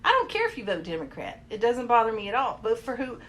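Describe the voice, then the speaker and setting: A woman in a heated, foul-mouthed rant on a casual podcast. Her bright, forceful voice swings widely in pitch, and she slips into mocking voices. Her pitch sits a bit higher than most. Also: wildly swooping pitch, fast. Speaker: podcast co-host. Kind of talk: casual ranting chat.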